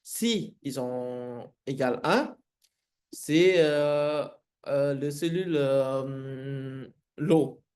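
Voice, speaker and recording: A man who is not a native French speaker, with a foreign accent in French, teaches a live coding lesson haltingly, often searching for words. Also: mid-range voice, darkish tone, clean tone. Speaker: programming instructor.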